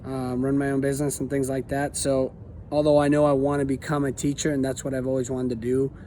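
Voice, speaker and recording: A man from Argentina introducing himself as an aspiring teacher, talking earnestly with many pauses and fillers. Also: medium pitch, level tone, dark tone, slight background noise. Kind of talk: casual self-introduction.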